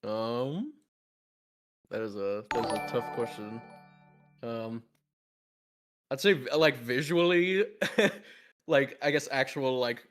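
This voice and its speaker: A man's voice: medium pitch, slow pace, pauses often, a bit bright, soft background music. A man hosting a casual group Q&A over a call, rambling with restarts and frequent laughs. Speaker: animation studio team member hosting Q&A.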